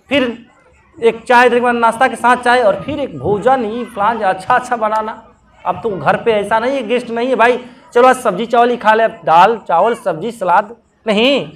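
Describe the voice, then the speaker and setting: A man from Bihar, telling a devotional story as a sermon, lively and humorous, addressing his audience. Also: very high-pitched. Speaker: religious storyteller.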